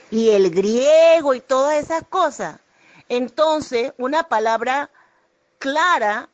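A woman making her case in an online religious debate, speaking deliberately and with emphasis. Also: high-pitched, no room sound.

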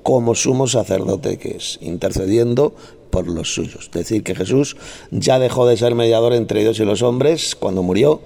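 A man's voice: medium pitch, moderate pace, gravelly, warm tone. A man leading a Bible study who explains verses with conviction and scolds and mocks his opponents. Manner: combative, scolding, mocking opponents. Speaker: Bible teacher. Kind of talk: heated Bible study debate.

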